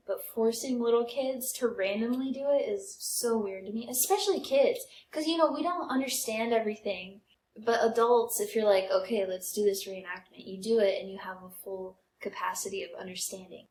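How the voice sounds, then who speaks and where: In this echoey, roomy podcast recording, a young American woman co-hosting a comedy show chats casually and tells personal stories. Her voice sits at medium pitch with a darkish tone, and she speaks at a moderate pace.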